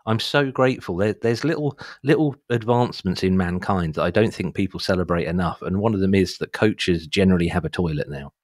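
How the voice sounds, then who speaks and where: A low-voiced man with a South Suffolk English accent hosts a podcast, chatting casually and rambling through anecdotes in a jokey, easily amused way. He talks a little fast with hardly any pauses, in a dry, clean studio recording.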